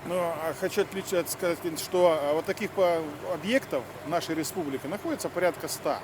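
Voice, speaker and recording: A man speaking as a fire service official in an interview, halting and formal, with many filler words. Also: on the high side. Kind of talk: interview explanation of a drill. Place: outdoors near fire vehicles. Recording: outdoor recording with vehicle noise.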